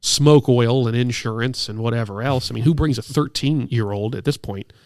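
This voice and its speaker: A man's voice: mid-range voice, moderate pace, darkish tone, no room sound, studio quality. Enthusiastic man in his thirties, casual storytelling. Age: 30s. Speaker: air show announcer, interview guest.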